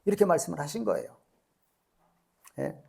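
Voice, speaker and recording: A man's voice: on the high side, expressive, moderate pace, gravelly, dark tone, slightly rough. A middle-aged man preaching a sermon as pastor, asking rhetorical questions and acting out quoted lines.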